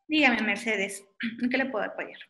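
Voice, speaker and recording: Bright-voiced woman lecturing casually. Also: on the high side, moderate pace. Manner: informal and friendly, many fillers like "este". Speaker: optometrist giving a webinar talk. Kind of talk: webinar lecture with audience questions.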